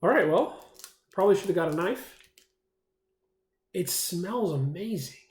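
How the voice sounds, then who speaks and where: A man's voice: high voice, animated, a little slow, darkish tone, echoey room. A man vlogging a food challenge in a casual, rambling way, full of fillers and enthusiasm, sometimes talking with his mouth full. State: eating, mouth full at times. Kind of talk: casual solo vlog.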